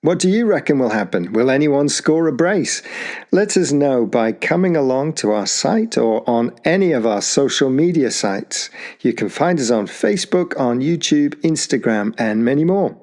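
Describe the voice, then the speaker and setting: A man's voice: medium pitch, lively intonation, normal speed, darkish tone. A man co-hosting a football podcast, talking in a chatty, upbeat way. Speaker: podcast co-host. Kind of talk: casual football podcast chat.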